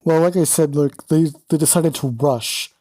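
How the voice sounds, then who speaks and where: A man's voice: fairly high pitch, normal speed, mellow, no room sound. A man co-hosting a podcast, chatting in an opinionated, wry way. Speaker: podcast co-host. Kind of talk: casual podcast chat.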